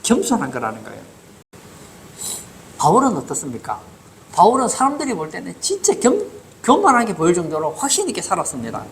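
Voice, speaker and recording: A man's voice: sits high, wildly swooping pitch, fairly quick, vocal fry, pauses often, slight background noise. A man preaching a sermon as pastor in a church, asking the congregation rhetorical questions.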